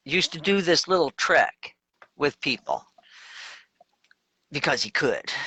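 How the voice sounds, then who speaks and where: A man's voice: fairly high pitch, pushed and bright, dry recording. A man co-hosting a casual spiritual discussion, talking emphatically in long runs with crude asides. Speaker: co-host.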